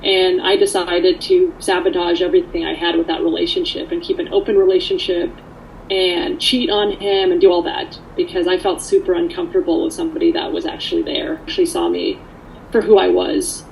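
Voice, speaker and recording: A Polish-born woman from Canada shares her personal story conversationally, candid and earnest throughout. Her lowish voice has plenty of creak and a darkish tone. The audio is poor, with light background noise.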